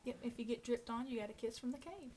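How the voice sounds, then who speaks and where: A woman's voice: a little high, fast, warm tone, far from the mic. A young woman working as a park ranger guide, explaining things informally and in a folksy way, with cave echo around her voice. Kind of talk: informal guided tour talk. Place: inside a cave, among a tour group. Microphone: handheld camera a few feet away. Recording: echoey cave, off-mic, noisy.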